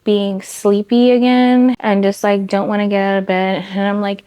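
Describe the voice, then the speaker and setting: A woman's voice: mid-range voice, little pitch movement, normal speed, dark tone, smooth. A young woman talking casually in a sewing vlog, chatty and rambling, tired and a little out of breath. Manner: chatty and rambling, lots of "like" and "so yeah". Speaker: sewing vlogger.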